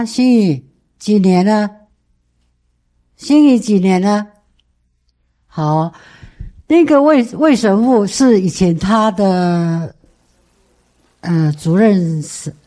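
A woman's voice: fairly low pitch, dark tone. A woman informally hosting a sharing session and giving a testimony.

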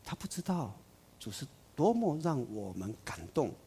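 A man preaching a sermon, emphatic, swinging between loud declarations and soft asides. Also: fairly high pitch, sing-song, normal speed, husky.

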